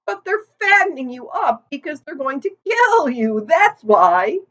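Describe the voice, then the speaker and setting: A woman voicing an old female sheep who delivers bad news bluntly and loudly. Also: high voice, big pitch swings, unhurried, pitched above the performer's own voice, heavily acted. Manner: loud, blunt, knowing. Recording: dull lo-fi recording.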